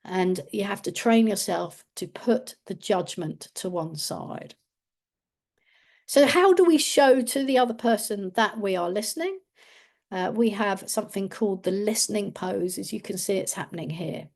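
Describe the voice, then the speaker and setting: A woman trainer giving an online training session on a video call, calm and instructive as she coaxes the audience to answer. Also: medium pitch, normal speed, vocal fry. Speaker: communication trainer.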